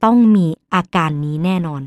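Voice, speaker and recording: A woman's voice: brisk, darkish tone, no echo. A woman doctor hosting a podcast, explaining a case patiently and acting out the dialogue with her patient. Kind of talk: storytelling health podcast.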